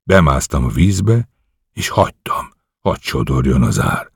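A man's voice: a bass voice, big pitch swings, vocal fry, slightly rough, dry recording, clean studio sound, exaggerated voice. A man reading the lines of an eager young commando officer who earnestly reports a risky night mission to his superiors.

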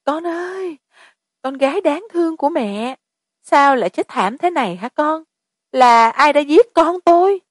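A woman voicing a grieving mother who wails and sobs in shrill cries. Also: animated, moderate pace, a little mellow, no room sound, clean studio sound, close to an everyday voice. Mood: wailing. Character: grieving mother, wailing and accusing.

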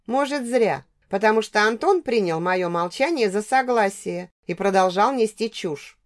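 A woman's voice: mid-range voice, animated, moderate pace. A woman narrating a tense first-person novel as an audiobook reader.

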